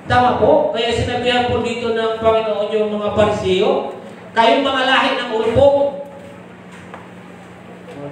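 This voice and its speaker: High-voiced preaching man in an echoey church. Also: slight background noise. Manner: preaching with frequent rhetorical questions to the congregation; switches into English for summary points. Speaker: pastor. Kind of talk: live church sermon. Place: church service hall. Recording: very echoey live church recording from a distant mic.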